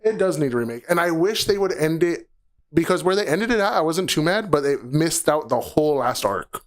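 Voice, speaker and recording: A man's voice: fairly high pitch, animated, a little fast. Man rambling enthusiastically in podcast chat. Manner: rambling, restarts often, laughs. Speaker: podcast guest. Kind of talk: casual podcast chat about anime.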